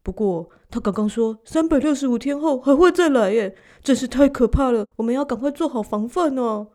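A woman voicing an earnest, excitable caveman boy in a children's story. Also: high voice, fairly quick, lightly acted. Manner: excited and earnest, shouting warnings.

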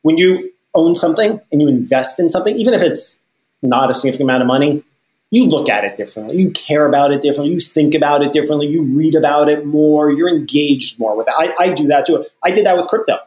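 A man's voice: a little high, a little mellow. A man who co-owns a sports team, explaining his ideas at length in a casual interview and often restarting his sentences. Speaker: sports team co-owner and investor. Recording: roomy echo.

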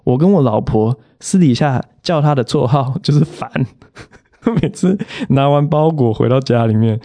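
A man's voice: medium pitch, animated, moderate pace, warm tone, dry recording. A man, hosting a comedic solo podcast and telling exasperated, rant-like stories with quoted voices.

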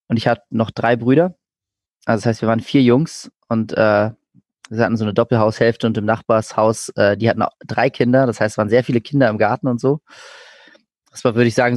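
A man's voice: mid-range voice, dry recording. A man from Berlin in his thirties, telling his life story as an interview guest in a reflective, hesitant way with many fillers. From Germany (Berlin). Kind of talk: casual conversational interview.

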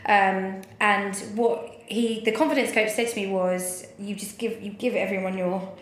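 Recorded in an echoey space with faint background noise, a woman in her thirties speaks at a moderate pace in a mid-range voice with fairly even intonation. As an interview guest, she tells personal stories candidly and informally, swearing plenty.

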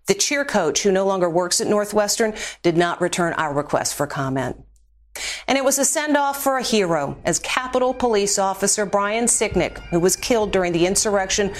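A woman anchoring scripted tabloid television news in the dramatic manner of a tabloid show host. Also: mid-range voice.

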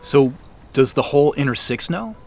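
Wry and wary, a male actor with a gravelly voice and lively intonation voices a thoughtful, somewhat weary business leader. The naturalistic audio drama has him speaking in a halting, low-key manner.

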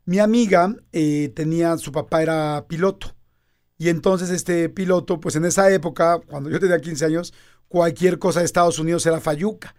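A Mexican man in his fifties telling a personal story in casual conversation, animated and acting out quoted dialogue. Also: on the high side, moderate pace.

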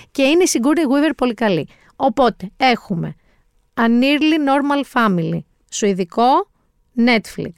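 A woman co-hosting a casual talk show, chatting lively and emphatically about new TV series. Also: fairly high pitch, no room sound, studio quality. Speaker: podcast co-host recommending series. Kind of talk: casual chat.

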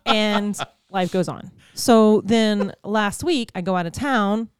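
A woman spins a story for her podcast co-hosts, animated and quick to laugh, acting out every person in it. Her voice sits at a middling pitch. The sound is close and dry, with no room around it. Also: smooth, no echo. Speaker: podcast co-host. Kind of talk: casual storytelling chat.

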